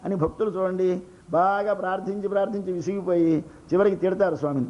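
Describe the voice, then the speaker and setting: A man's voice: high voice, steady tone, fast, muffled recording, a little hiss or hum. An older man with a Telugu accent delivering a devotional sermon, explaining by asking and answering his own questions and acting out little everyday scenes. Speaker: religious discourse speaker.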